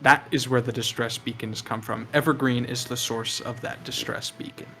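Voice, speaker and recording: A man narrating a tabletop game as game master, explaining deliberately with pauses. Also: medium pitch, steady tone, bright, forceful tone, a little hiss or hum.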